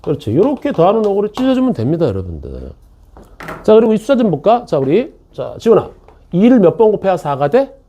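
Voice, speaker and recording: A man teaching math to a classroom of students, his voice slightly raised and dark, mellow in tone. He talks with wide, animated swings in pitch and a husky edge. He is chatty and joking, often pausing to check that everyone follows. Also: highs cut off, slight background noise. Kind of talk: classroom lecture.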